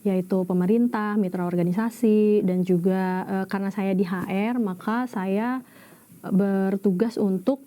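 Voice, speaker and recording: A woman's voice: medium pitch, fairly even intonation, a little slow, mellow. A woman in her thirties working in HR, answering interview questions casually with some hesitation. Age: 30s. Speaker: HR administrator.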